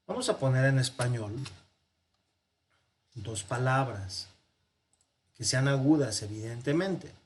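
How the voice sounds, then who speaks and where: Mexican guy teaching a class real slow, patient, lots of pauses, bit of hiss behind. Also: mid-range voice, a bit bright. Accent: Mexican Spanish. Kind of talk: language lesson. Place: parish classroom or home office.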